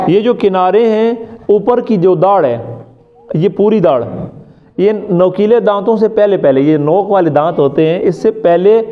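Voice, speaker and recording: A man from Pakistan teaching Quran recitation in class. He drills each sound by repeating it, quizzes his students and keeps checking that they follow. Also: high voice. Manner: often checks understanding with "ٹھیک ہے؟". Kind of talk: classroom lesson. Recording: muffled lo-fi recording.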